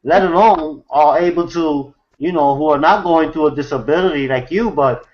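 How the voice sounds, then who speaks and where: A New York City man hosts an online hangout, rambling through a casual story packed with fillers and restarts. His voice is a little high and his pace normal. It comes through a video call mic with the highs cut off.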